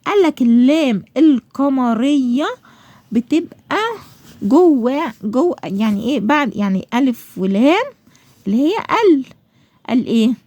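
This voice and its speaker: A woman's voice: high-pitched, lively intonation, moderate pace, mellow, dry recording. A woman with an Egyptian accent teaching a school lesson, asking and answering her own questions and drawing out example words.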